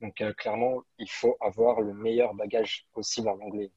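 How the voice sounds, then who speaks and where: Low flat husky man. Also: moderate pace. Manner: emphatic advice with fillers. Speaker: alumnus guest. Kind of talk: video call panel discussion. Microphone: video call. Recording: dull lo-fi video call audio.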